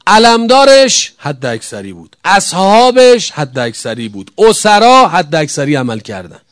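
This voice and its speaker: A man preaching a religious sermon, emphatic, firing rhetorical questions and swinging between loud calls and hushed answers. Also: high-pitched, very animated, no room sound, studio quality.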